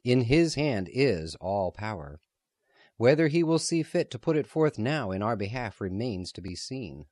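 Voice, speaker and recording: A man's voice: mid-range voice, big pitch swings, darkish tone, no room sound, studio quality. A man reading the part of a grave, cautious man who warns gloomily about war. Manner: grave, measured.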